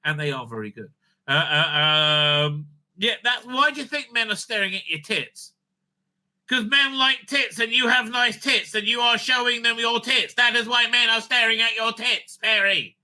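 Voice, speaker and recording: Recorded in poor audio, a man with an extremely high-pitched, sharp voice speaks at normal speed in a steady tone. He hosts a fan review show, ranting bluntly and opinionatedly with plenty of swearing and exasperation, often ending points with "right?"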